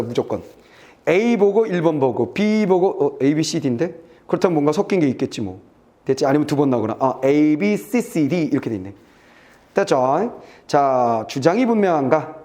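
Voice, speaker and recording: A male Korean exam-prep teacher walking students through a test passage, reading lines aloud and checking in with quick asides that trail off low. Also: darkish tone. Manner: brisk and chatty, reads aloud then checks "됐지?" and trails off low.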